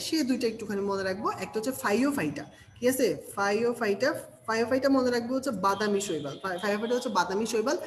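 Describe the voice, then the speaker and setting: A man's voice: high-pitched, slight background noise. A man teaching an exam-prep biology lesson, firing questions at students and answering them himself, often checking "okay?". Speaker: biology tutor.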